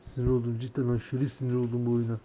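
A man's voice: medium pitch, monotone, quick pace, a little hiss or hum. Frustrated young man swearing at gameplay. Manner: frustrated, swearing, bursts into shouting. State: sick, voice worn. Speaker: gaming YouTuber. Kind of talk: gameplay commentary.

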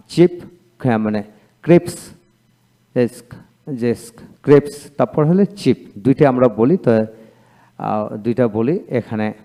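Male teacher, warm and lively in pitch, lecture delivery with fillers. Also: creaky. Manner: reads word pairs aloud, drawn-out and repetitive. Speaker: English teacher. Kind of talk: video lecture on pronunciation.

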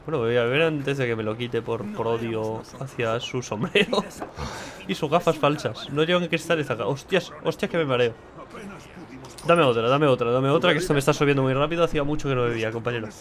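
A man's voice: mid-range voice, brisk, crowd noise. A young man, commentating his gameplay casually, joking and swearing. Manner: chatty and joking, swears a lot. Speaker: gameplay streamer.

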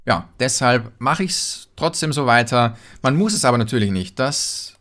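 A man's voice: animated, moderate pace, fairly bright tone. A man doing casual gaming commentary, chatting and answering viewer messages as a let's player. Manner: chatty, jumps in pitch when reading names.

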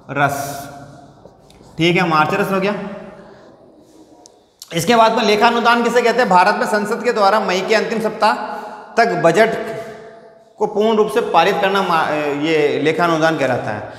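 Recorded on a lapel microphone in a reverberant indoor classroom, a high-pitched, fairly bright-toned male teacher from India gives a whiteboard lecture. He keeps repeating phrases and posing rhetorical questions to the class.

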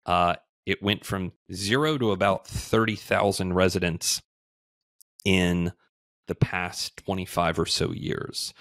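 A man in his thirties, a guest on a remote video call, explaining things in a measured way with frequent fillers. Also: sits low, fairly bright tone, dry recording. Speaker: podcast guest, housing entrepreneur. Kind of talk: conversational interview.

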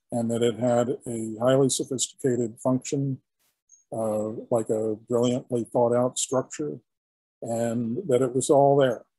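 An older man, a historian, giving an illustrated lecture in a halting, explanatory way with frequent restarts. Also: mid-range voice, dark tone, husky, no echo, rough recording. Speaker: historian giving a guest talk.

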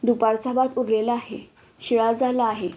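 A woman voicing a gentle, caring village mother in a storybook reading, recorded lo-fi. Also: fairly high pitch, little pitch movement, normal speed, natural voice. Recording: dull lo-fi recording.

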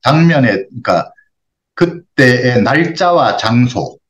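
60s guy counselor, patient explaining, lively up and down voice, bit muffled audio. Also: medium pitch, takes it slowly. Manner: patient, explanatory, acts out example phrases. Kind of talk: phone counseling advice.

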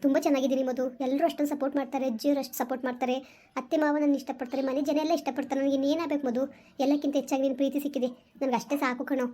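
High-voiced, fast-talking earnest woman. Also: level tone, dark tone. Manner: earnest, reassuring. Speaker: wife in a family vlog. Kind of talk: casual heartfelt family talk.

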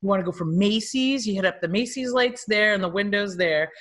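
A woman hosting a casual podcast chat, telling stories in a chatty, lively way. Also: medium pitch, brisk. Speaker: podcast host.

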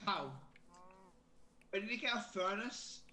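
A Scottish man with a bright, forceful voice talks drunkenly through a gaming session. He rambles, repeats himself and swears constantly in loose, casual chat. There is faint noise and clicking on the recording. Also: sits high, animated, measured pace. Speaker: gamer playing Minecraft with a friend.

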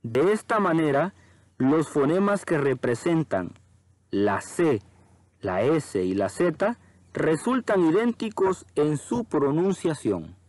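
A man narrating a Spanish language lesson, slow and careful. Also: on the high side, no echo. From Honduras. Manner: slow, careful, lively intonation. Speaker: teacher. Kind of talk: educational narration.

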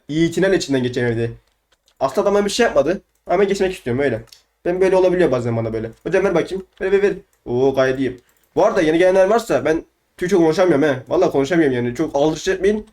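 A man's voice: a little high, lively intonation, very fast, darkish tone. A young man from Turkey chatting casually over gameplay, boastful and teasing, repeating his lines. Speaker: gamer.

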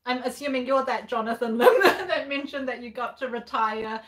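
A woman co-hosting a relaxed home livestream, talking in a slightly high, bubbly voice. She reads viewer comments aloud and laughs easily between remarks. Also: normal speed. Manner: giggly, bubbly, laughs often. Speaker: livestream co-host. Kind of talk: casual livestream chat reading comments. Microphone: laptop setup at home.

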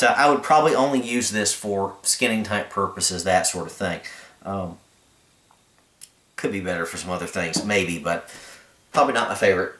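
On his own channel, a low-voiced man with a fairly bright tone gives a relaxed, meandering review of an inexpensive knife, not holding back his opinions. He's indoors filming a carpeted floor, and the audio is reverberant.

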